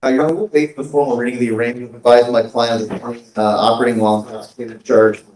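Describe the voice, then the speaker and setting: A man, a defense attorney, addressing a judge in a formal, halting way with fillers, heard in a courtroom recording. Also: medium pitch, flat delivery, a little mellow. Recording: echoey courtroom recording from off-mic.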